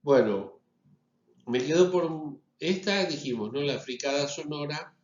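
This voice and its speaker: A man's voice: fairly high pitch, measured pace. A man with a Rioplatense accent giving a phonetics lecture, explaining step by step and often checking in with the class. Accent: Rioplatense Spanish. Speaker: university lecturer. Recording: echoey, slightly dull recording.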